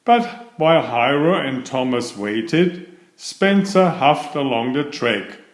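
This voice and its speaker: Echo fills this roomy recording of a man reading a bedtime story to children. His mid-range voice moves deliberately and expressively, in the manner of a storybook reader.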